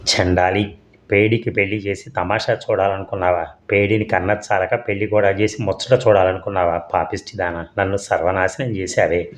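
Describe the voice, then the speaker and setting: A man's voice: low voice, little pitch movement, moderate pace, lightly acted. A man reading as a furious young wife. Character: young wife, bitter and furious at her in-laws. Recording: dull lo-fi audio.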